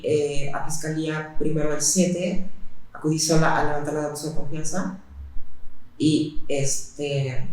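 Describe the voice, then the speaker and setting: Woman, interview testimony, halting with fillers, monotone delivery, very reverberant room. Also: sits low, slight background noise. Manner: halting, with frequent fillers and pauses. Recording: very echoey room.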